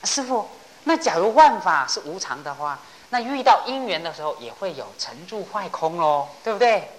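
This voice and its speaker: A woman voicing a clever, calm young male monk with a breezy, reassuring manner. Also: fairly low pitch, moderate pace, rough recording. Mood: curious.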